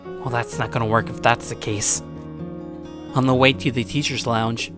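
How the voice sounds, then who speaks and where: A man plays a blunt high school boy, narrating his own story in the first person. He delivers the dramatic narration and dialogue earnestly and toughly, in a natural voice.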